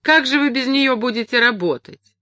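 A woman voicing a fiery, jealous young daughter who shouts and scolds. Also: high-pitched, normal speed, no echo, pitched above the performer's own voice. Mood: furious. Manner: shouting, excited.

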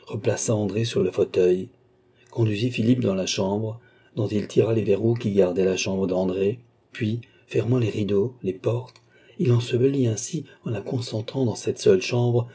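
A man narrating a classic novel as an audiobook in a steady literary reading. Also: fairly low pitch, husky. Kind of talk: scripted narration.

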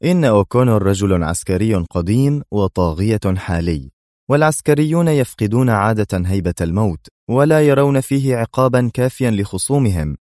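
A cool secret agent hero with a mocking, unhurried way of speaking, as a male reader puts him on. He sounds amused and in control, never raising his voice. The voice sits fairly low and close, with a dry sound. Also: no echo, close to an everyday voice. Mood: calm sarcastic. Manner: mocking, calm, smug.

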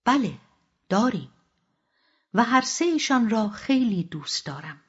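A woman reading the part of a calm, resolute middle-aged wife who speaks quietly and softly, in a dull lo-fi audiobook recording. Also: fairly high pitch, slightly rough. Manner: calm, quiet, soft-spoken.

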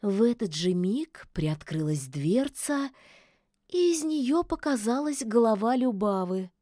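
A woman reading a fairy-tale audiobook in a measured storytelling voice. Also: fairly high pitch, very animated, warm tone, dry recording, studio quality. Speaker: narrator.

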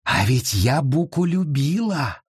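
A man reading an audiobook and voicing a vengeful woman witch who speaks slowly and menacingly with a hiss. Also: a little high, sing-song, darkish tone, slightly rough, no room sound, clean studio sound, heavily acted. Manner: slow, hissing, menacing.

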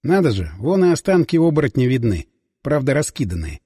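A man reading first-person audiobook narration with lively storytelling delivery. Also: medium pitch, brisk, slightly rough, dry recording, clean studio sound, long reverb tail.

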